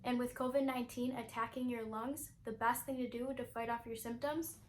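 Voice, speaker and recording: Young female news narrator, fairly high voice, faint ambient noise behind. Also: fairly even intonation, a little fast.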